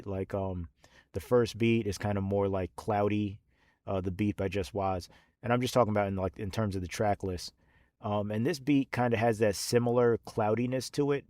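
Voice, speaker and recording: A man's voice: on the low side, darkish tone, dry recording. A man in his thirties, a rapper, talks about his album in a rambling, casual monologue full of fillers and restarts.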